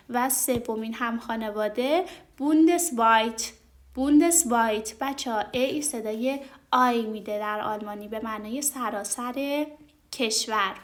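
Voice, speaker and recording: Patient woman teaching pronunciation, higher pitch. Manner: patient, repeats and models pronunciations slowly; addresses learners directly, frequent hesitation sounds. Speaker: German language teacher. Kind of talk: vocabulary lesson explanation.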